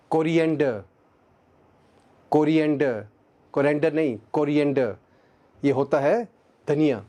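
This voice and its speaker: A man, an English teacher giving a pronunciation lesson, repeating each word slowly and carefully. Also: on the high side, darkish tone. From Pakistan. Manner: repeats words slowly and deliberately.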